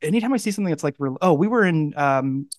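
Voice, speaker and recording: A man's voice: on the high side, expressive, fast talker, no room sound, studio quality. A man in his thirties hosting a podcast, talking casually with many fillers and restarts. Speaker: podcast host.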